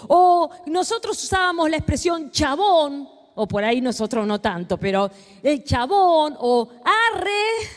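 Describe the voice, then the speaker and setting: Lively high-voiced Argentine woman preaching. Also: in a large hall. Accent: Rioplatense Spanish. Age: middle-aged. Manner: animated, teasing, talks directly to the audience. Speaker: pastor and speaker. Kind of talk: sermon to a live audience. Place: large hall with a live audience.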